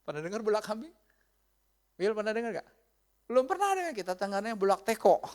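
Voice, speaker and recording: Animated storytelling male pastor. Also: high voice, quick pace. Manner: animated, chatty, laughs often, addresses the congregation. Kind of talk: storytelling sermon.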